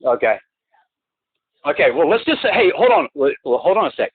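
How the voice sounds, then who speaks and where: A man on a phone call who talks in a halting, rambling way, restarting and repeating words, and presses his complaints insistently, heard through a phone line. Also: on the high side, sing-song, breathy edge, no room sound. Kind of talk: phone conversation. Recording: tinny, dry phone-line recording.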